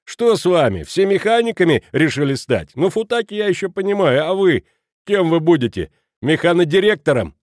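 A rowdy, mocking village man, as a male reader puts him on jeers in a raised, loud voice. The recording is close and dry. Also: on the high side, big pitch swings, normal speed, dry recording, voice pushed up. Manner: jeering, teasing.

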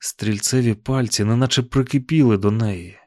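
A man narrates an audiobook from a script, telling the story in a calm, even way. His mid-range voice moves at a moderate pace, and the recording is dry with clean studio sound.

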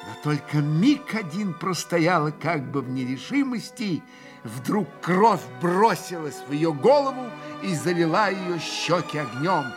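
Man, literary reader, theatrical, high-pitched, faint music behind. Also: unhurried. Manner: expressive, theatrical narration. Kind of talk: dramatic literary reading.

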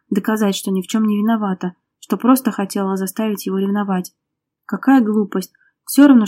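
Warm-voiced woman narrating a tense drama. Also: mid-range voice. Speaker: audiobook narrator. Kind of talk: scripted narration.

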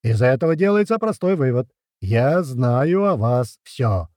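A man voicing a gruff male drill-sergeant instructor who barks commands in a booming voice. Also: very animated, measured pace, darkish tone, dry recording, studio quality. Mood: stern.

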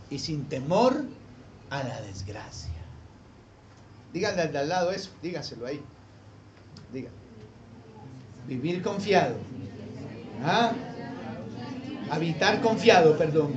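A high-pitched male pastor delivers a sermon to his congregation in a church hall. He keeps asking them rhetorical questions to pull them along. A faint background noise runs beneath his voice. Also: muffled recording.

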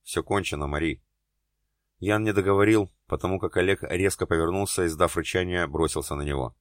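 A man narrates an audiobook with steady, dramatic storytelling. His voice sits very low. The recording is dry and close, with no room around it. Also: fast talker, dry recording. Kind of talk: scripted narration.

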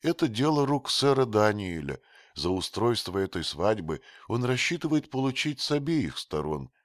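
A man voicing a timid, gentle youth with a high, soft boyish voice in a read-aloud story. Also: sing-song, moderate pace, no echo, studio quality. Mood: pleading. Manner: pleading, teasing.

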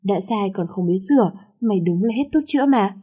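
A woman reading a storybook voices a harsh middle-aged father who scolds his daughter gruffly and angrily. Her tone stays mellow and dark at medium pitch, animated and brisk, with no shouting and no strong change of voice.

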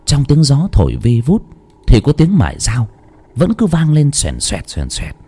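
A man's voice: mid-range voice, huge pitch swings, measured pace, mellow, husky. A man narrating a lurid village horror story. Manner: dramatic, lurid.

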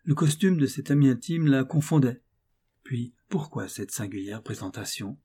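A man narrating a classic novel as an audiobook in a steady, expressive literary reading. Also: mid-range voice, moderate pace, slightly rough.

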